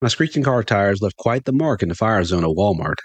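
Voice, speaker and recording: Man, middle-aged, low voice, dry close recording, animated storyteller. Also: brisk, breathy edge, no echo. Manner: animated, jumps higher for excited quoted lines. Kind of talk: first-person storytelling.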